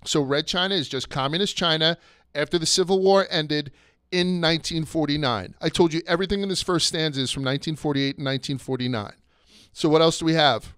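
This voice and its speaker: A slightly high-voiced man hosts a loose history podcast, chatty and crude. His voice is smooth and clear. The sound is close and dry. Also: fairly bright tone, no room sound. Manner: chatty, crude jokes, goes off on tangents. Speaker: podcast host. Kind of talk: casual history podcast chat.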